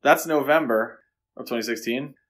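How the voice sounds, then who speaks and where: This podcast co-host's voice is medium in pitch and a bit bright, moving at a normal speed as he casually talks through films in conversation.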